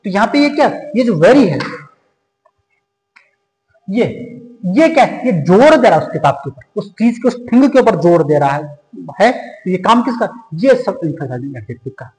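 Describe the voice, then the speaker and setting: High-voiced male teacher in a reverberant room. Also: sing-song, a little mellow, faint music behind. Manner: asks the class questions and answers them himself; moves from slow, drawn-out English examples to quick Hindi explanation. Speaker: English teacher. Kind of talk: explaining grammar in a Hindi-English lesson.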